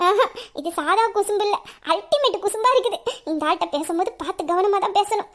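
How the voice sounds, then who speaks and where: A woman voicing a sharp-tongued young office assistant in an audio drama, grumbling asides under her breath. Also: extremely high pitch, quick pace. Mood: exasperated. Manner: grumbling asides, exasperated muttering. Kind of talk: Tamil audio drama acting.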